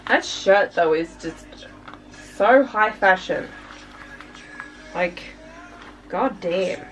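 A young woman from Australia chats her way through an album unboxing, gushing, sighing and dropping fillers. She talks slowly and unhurriedly at a middling pitch. Her voice sits a little back from the mic, with faint music underneath. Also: expressive, far from the mic, poor audio. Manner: gushing, chatty, lots of fillers and sighs. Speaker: K-pop reaction vlogger. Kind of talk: casual unboxing chat.

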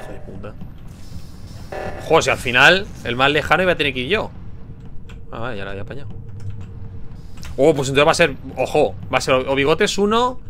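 Guy muttering over a game, curses out loud when it goes wrong, bright tone. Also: medium pitch, big pitch swings, brisk, pauses often, faint music behind. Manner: mutters to himself, bursts into loud frustrated swearing. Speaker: gaming streamer. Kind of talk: casual gameplay commentary with friends.

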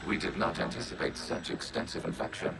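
A man voicing a calm, emotionless synthetic machine collective in a video game, speaking in flat, clipped, precise announcements. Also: brisk, natural voice. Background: loud game music.

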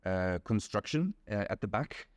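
Young Belgian man, guest; lowish voice, dry close sound, patient and methodical, filler-heavy explanations. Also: lively intonation, moderate pace, dry recording. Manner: patient, explains step by step with many ums. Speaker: interview guest. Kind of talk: casual explanatory chat. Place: small indoor room.

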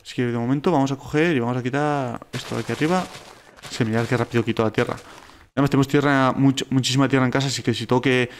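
A man with a Spain Spanish accent talks through his gameplay at a rapid clip. His pitch sits in an ordinary middle range, and he gets excitable, firing off the same word again and again when something startles him. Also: a little hiss or hum. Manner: excitable, repeats words rapidly when alarmed. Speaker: gaming YouTuber. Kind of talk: let's play commentary.

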